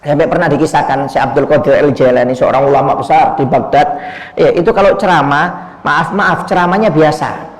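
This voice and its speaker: A man tells a story as part of a sermon, often breaking off a word and starting it again. His voice sits fairly high. A long hall echo trails behind it. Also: fairly quick. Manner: repetitive, cuts off and restarts words, addresses listeners as "Pak". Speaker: preacher. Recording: echoey hall.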